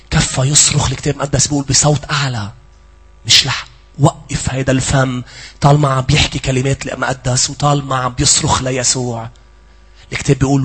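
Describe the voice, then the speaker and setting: A man with a Lebanese accent preaching a sermon, swinging between loud pleading and hushed asides. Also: mid-range voice, breathy edge. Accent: Lebanese Arabic.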